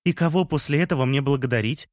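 A man voicing Lea, an emotional, quick-tempered young woman who shouts and scolds, in an audiobook reading. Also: rumbling low, dry recording, studio quality, pitched above the performer's own voice. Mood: scolding.

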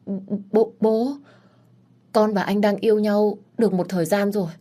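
A young woman, tearful yet defiant, pleads with emotion in an audiobook story, voiced by a woman narrator. Her voice sits a touch higher than the narration. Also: steady tone, normal speed, dark tone, lightly acted. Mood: pleading.

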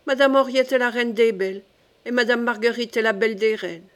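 A woman's voice: on the high side, fairly even intonation, a little fast, close to an everyday voice. A woman reading the part of a boisterous, half-clownish male nobleman in an audiobook. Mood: exuberant.

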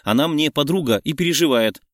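A man's voice: on the high side, fairly quick, no room sound, studio quality, lightly acted. A man voicing a young woman heroine, slightly raised and breathless. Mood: flustered.

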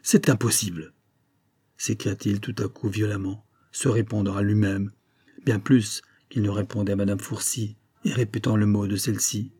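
A man reading a novel aloud as an audiobook, in a measured, dramatic way. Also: fairly low pitch, flat delivery, dark tone, husky, dry recording, clean studio sound. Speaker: audiobook reader.

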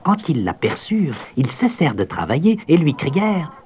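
A man narrating a children's storybook in a gentle, expressive read-aloud voice. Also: fairly high pitch, normal speed, heavy background noise.

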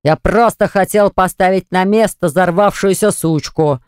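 An audiobook narrator voicing a smug, scornful man who gloats and yells when pinned down, in a smooth voice. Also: mid-range voice, moderate pace, dry recording, clean studio sound, natural voice. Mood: shouting.

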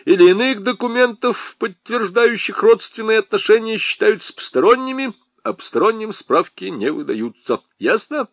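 A man's voice: high voice, expressive, moderate pace, no room sound, voice pushed up. A man playing a smug army lieutenant who teases with fake innocence and drones in officialese. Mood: droning officialese. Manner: mock-innocent, then droning officialese. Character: mocking young male army lieutenant, smug bureaucrat.

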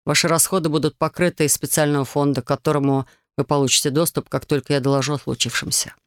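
A man's voice: fairly high pitch, little pitch movement, fast talker, smooth, dry recording, clean studio sound, close to an everyday voice. A man voicing a chilled young male painter who speaks in a formal, reassuring official tone in an audiobook. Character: young male painter, cold, dutiful, polite.

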